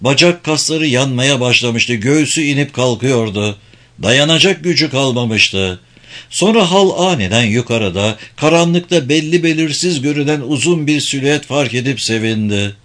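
A man reading an adventure novel aloud in measured, dramatic audiobook narration. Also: mid-range voice, expressive, a bit bright.

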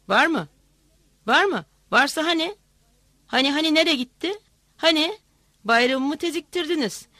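A woman's voice: sits high, no room sound. A woman voicing a fierce old village woman. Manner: shouting, defiant, lamenting.

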